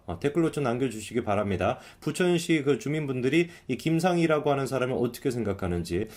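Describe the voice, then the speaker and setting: A man's voice: medium pitch, a little mellow. A man hosting a live political commentary stream, talking in a sarcastic, emphatic way and asking himself rhetorical questions.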